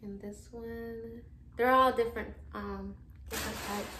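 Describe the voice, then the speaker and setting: A woman's voice: a little high, steady tone, a little slow, background noise. A woman in her thirties casually chatting through a shopping haul in her living room, filmed by a camera across the room. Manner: chatty, showing items one by one. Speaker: vlogger. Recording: echoey room.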